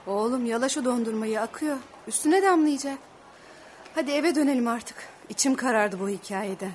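A woman's voice: a little high, normal speed, darkish tone, a little hiss or hum, natural voice. A woman playing a fussy, practical middle-aged mother who chides her family, in a radio play. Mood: chiding. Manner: chiding, talkative.

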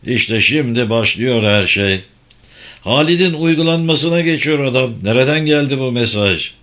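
A man's voice: mid-range voice, lively intonation, moderate pace, a bit bright, natural voice. A man voicing an alarmed male intelligence agent who presses with questions in a spy audiobook.

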